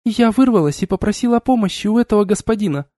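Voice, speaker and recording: A man voicing an indignant, sharp-tongued young woman serving as a ship's radio operator, in a shrill, strained voice for an audiobook. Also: animated, fast talker, no echo, studio quality. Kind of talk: audiobook character reading.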